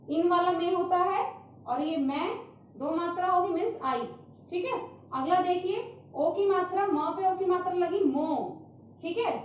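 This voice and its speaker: A high-voiced woman teaches young children, stretching out each syllable and pausing to check that they follow. She sounds distant from the microphone in a very echoey room, and the recording is dull and lo-fi with a faint hiss. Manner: patient, repeats sounds slowly, often asks "thik hai". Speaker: primary school teacher. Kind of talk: classroom lesson on Hindi vowel signs.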